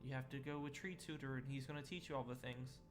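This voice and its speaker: A man's voice: mid-range voice, steady tone, fast, soft background music, close to an everyday voice. A man voicing a farm mother who scolds her young daughter firmly. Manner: firm, scolding.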